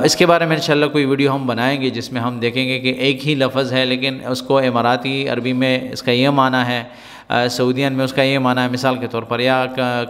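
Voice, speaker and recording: A man's voice: mid-range voice, fairly bright tone. A man teaching spoken Arabic in a lesson, explaining patiently, repeating words and checking that listeners follow. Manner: patient, repetitive explaining with frequent "right?" checks. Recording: long hall reverb.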